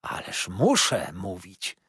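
Storybook old busybody mother-in-law, shrill and gushing, read by a man, husky, very swoopy. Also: huge pitch swings, slow pace, a bit bright, no room sound, studio quality, full character voice.

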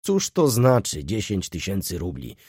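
A man voicing an excitable, boisterous older aristocrat who speaks in loud exclamations. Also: low voice, measured pace, slightly rough, dry recording, clean studio sound, exaggerated voice. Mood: excited.

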